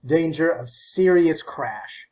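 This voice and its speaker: A man's voice: a little high, expressive, slow pace, a little mellow, poor audio. A man voicing a stubborn, fussy old man in an audiobook, peevish and sputtering. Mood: grumbling. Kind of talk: audiobook character voice.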